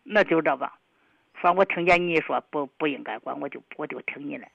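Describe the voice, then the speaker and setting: A woman's voice: deep voice, fast talker, creaky, breathy edge, dry recording, muffled recording. An older woman phones in to a radio advice show. She stammers, restarts and circles around her point, sounding hesitant and evasive. The recording is dry and close. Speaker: caller. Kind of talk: call-in radio conversation.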